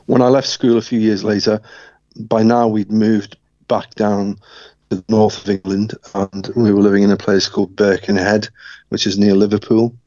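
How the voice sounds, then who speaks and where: Low flat-voiced man telling his story. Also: no echo, muffled recording. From Scotland. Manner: reflective, measured, with frequent restarts. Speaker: interview guest. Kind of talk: personal life story in an interview.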